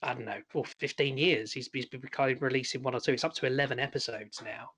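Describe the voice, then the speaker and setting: A man co-hosting a horror podcast in casual chat, talking hesitantly with pauses and restarts. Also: mid-range voice, steady tone, a bit bright, husky. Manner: hesitant, many fillers and restarts. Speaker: podcast co-host.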